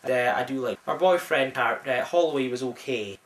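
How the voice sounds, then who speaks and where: A young Scottish man reviewing a film in casual chat, enthusiastic and rambling with lots of restarts, recorded in a friend's flat. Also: medium pitch, normal speed. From Scotland. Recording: roomy, mic at a distance.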